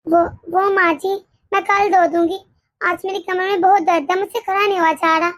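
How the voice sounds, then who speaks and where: Meek pregnant daughter-in-law. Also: female voice, very high voice, level tone, moderate pace, fairly bright tone, no echo. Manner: meek, hesitant, stammering. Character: timid, exhausted pregnant young daughter-in-law. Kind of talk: animated storybook voice acting.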